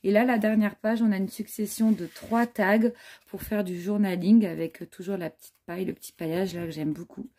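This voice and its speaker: Speaking briskly in a warm, mid-range voice with a steady tone, a woman vlogger shows off a handmade scrapbook album. It's a relaxed show-and-tell chat packed with admiring asides and fillers.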